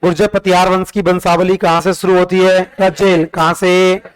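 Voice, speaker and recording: A man's voice: sits high, flat delivery, moderate pace, clear, resonant tone, poor audio. A man teaching history, drilling facts through repeated questions and sing-song counting in call-and-response revision.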